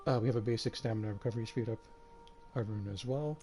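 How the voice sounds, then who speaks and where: A man streaming a game live, tired and a bit out of breath, talking in a relaxed, rambling way with lots of fillers. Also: mid-range voice, fast, a little hiss or hum. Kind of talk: casual live-stream commentary.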